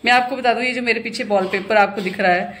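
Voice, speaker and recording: Here the home-tour vlogger, a woman in her thirties, sounds a little high and fairly bright, keeping a steady tone at a fast clip. She casually narrates her walk through the rented apartment, pointing out the rooms, with slight noise in the background.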